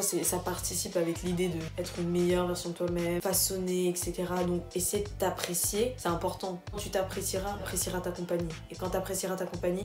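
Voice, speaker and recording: Slangy young woman vlogging in an echoey room. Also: on the low side. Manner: slangy, animated, talks straight to viewers. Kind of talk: casual vlog monologue. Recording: echoey room with music behind.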